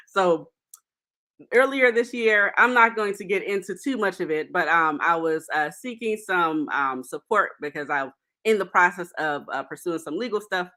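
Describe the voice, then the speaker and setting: A woman hosting a solo podcast, talking casually with many fillers and soft laughs. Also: fairly low pitch, moderate pace. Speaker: podcast host.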